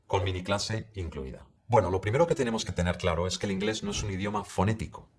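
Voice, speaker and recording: Low-voiced male English teacher. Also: lively intonation, fast. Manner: direct, addresses the listener, models English words. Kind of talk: scripted online lesson.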